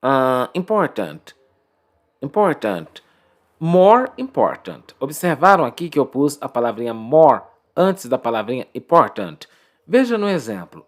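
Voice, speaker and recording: A Brazilian man teaching English in an online lesson, explaining step by step, repeating key words and checking in with his students. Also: on the high side. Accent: Brazilian Portuguese.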